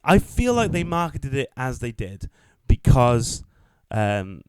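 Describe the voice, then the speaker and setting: A man's voice: mid-range voice, takes it slowly, smooth, no room sound. Young guy on a podcast, chatty and sweary, acts out the quotes, normal mid voice. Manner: animated storyteller, swears freely, acts out quotes. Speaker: podcast co-host. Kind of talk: casual chat.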